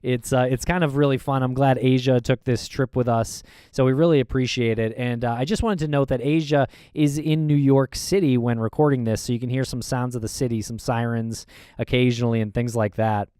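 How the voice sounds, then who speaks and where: A man's voice: medium pitch, fairly even intonation, a little fast, mellow, smooth, dry recording, studio quality. A man co-hosting a podcast, chatting casually, laughing easily and narrating clips as they play. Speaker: podcast co-host.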